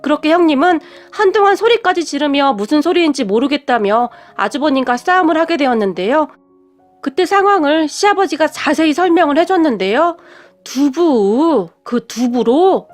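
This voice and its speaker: Brief: female story narrator, high voice, polite and conversational, faint music underneath. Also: expressive, fairly quick. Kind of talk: scripted narration.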